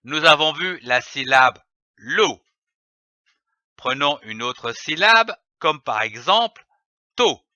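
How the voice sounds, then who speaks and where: A man teaching young children to read, sounding out each letter and syllable with slow, deliberate enunciation and patient repetition. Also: a little high, lively intonation, bright, forceful tone, no room sound, muffled recording. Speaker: reading teacher. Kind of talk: reading lesson for young children.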